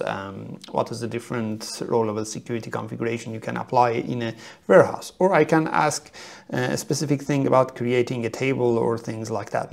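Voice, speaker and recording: A middle-aged man giving a methodical screen-share software tutorial from a small room, explaining step by step with frequent fillers. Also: mid-range voice, vocal fry. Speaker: software trainer.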